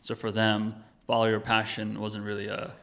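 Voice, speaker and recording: A man's voice: on the low side, monotone, moderate pace, vocal fry, fairly bright tone. A man in his thirties talking casually as a podcast guest, rambling loosely with lots of fillers and self-corrections. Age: 30s. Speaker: podcast guest, company founder. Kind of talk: casual interview talk.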